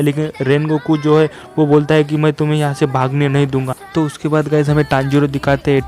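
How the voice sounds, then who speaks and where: Young male recap narrator, slightly high, monotone delivery, casual chat, faint background music. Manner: flat monotone, keeps saying "guys" and "yaar". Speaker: anime episode recap narrator.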